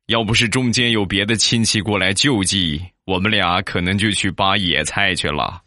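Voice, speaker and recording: A man's voice: low-pitched, moderate pace, heavy background noise. A man from Shandong telling funny personal anecdotes in a chatty way and often asking listeners to agree. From Shandong, China. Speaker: comic storyteller. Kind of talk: comic anecdote narration.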